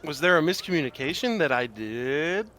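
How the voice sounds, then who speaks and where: A man's voice: fairly high pitch, very animated, normal speed, bright, forceful tone, slight background noise. A man voicing a polite, towering porcelain automaton that speaks in stiff, formal phrases.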